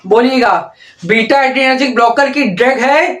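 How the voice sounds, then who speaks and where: A man teaching pharmacy students, drilling terms slowly with constant "okay?" check-ins and call-and-response repetition. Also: very high-pitched, a bit bright. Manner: slow, drawn-out repetition of terms, frequent "ठीक है?" check-ins. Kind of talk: exam-prep lesson with call-and-response drilling. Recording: echoey room.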